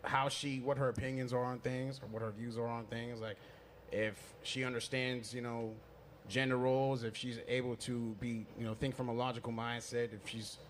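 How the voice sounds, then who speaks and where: A man's voice: mid-range voice, flat delivery, normal speed, a little hiss or hum. A man around thirty with a Los Angeles accent on a casual panel debate, speaking in slang and filling his talk with "you know what I'm saying". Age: 30s. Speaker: podcast panel guest.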